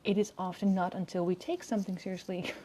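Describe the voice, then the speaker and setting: A woman in her early thirties talking casually to camera outdoors in the open air, softly and in a hesitant, rambling way with self-corrections. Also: level tone, fast talker. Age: early 30s. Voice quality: low, soft-spoken voice. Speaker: video host.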